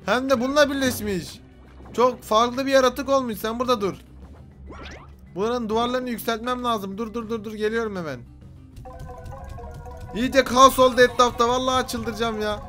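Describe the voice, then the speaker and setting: A young man giving frantic let's-play commentary, yelling and swearing at creatures. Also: very high-pitched, fairly even intonation, moderate pace, pauses often. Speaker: gaming YouTuber. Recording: game music underneath.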